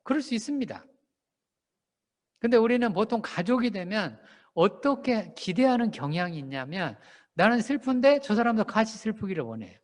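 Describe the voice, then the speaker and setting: Lively high-voiced pastor in an echoing church. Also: male voice, moderate pace. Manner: animated, asks the congregation questions and acts out shouted lines. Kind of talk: sermon. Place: church sanctuary. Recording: long hall reverb.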